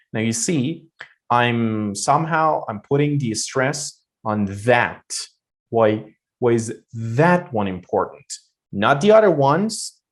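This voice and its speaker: A young man teaching English pronunciation, demonstrating stressed syllables with exaggerated emphasis and frequent fillers. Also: medium pitch. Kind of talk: explaining pronunciation lesson.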